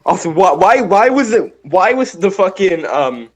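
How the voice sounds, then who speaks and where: A man chatting casually as a player in an online tabletop game, swearing freely and exclaiming loudly. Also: high-pitched, big pitch swings, unhurried.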